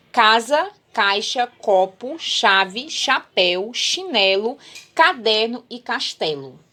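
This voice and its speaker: A woman's voice: a little high, fairly bright tone. A woman with a Brazilian Portuguese accent, a primary school teacher giving a recorded lesson to children, patient and repeating herself as she checks they understood.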